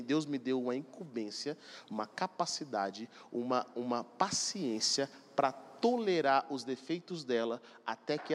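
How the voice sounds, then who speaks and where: A man's voice: fairly high pitch, a little hiss or hum. A man preaching a sermon, emphatic and speaking straight to the congregation. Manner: emphatic, addresses congregation directly. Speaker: pastor. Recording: long hall reverb.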